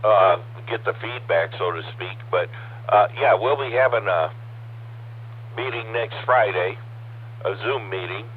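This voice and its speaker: A man's voice: fairly low pitch, measured pace. Man on a static-filled ham radio. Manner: hesitant, filler-heavy, says "so to speak". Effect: heard over a two-way radio with static. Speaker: ham radio net participant. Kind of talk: casual on-air chat. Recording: tinny radio transmission with faint static.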